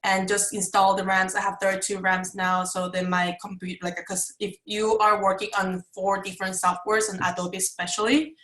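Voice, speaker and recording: A bright-voiced woman in her twenties, from Mexico, chats loosely on a video call and strings her thoughts together with plenty of fillers. Her voice comes through with a roomy echo. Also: medium pitch, level tone, normal speed, few pauses. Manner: chatty, rambling with many fillers. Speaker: advertising student. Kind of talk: casual video call chat.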